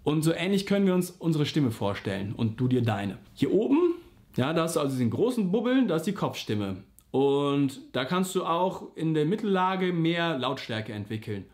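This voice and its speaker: A man's voice: fairly high pitch, big pitch swings, moderate pace, hardly any pauses, darkish tone. A man teaching a singing lesson, explaining simply and patiently, and sometimes singing vowel slides to show an exercise. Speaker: vocal coach.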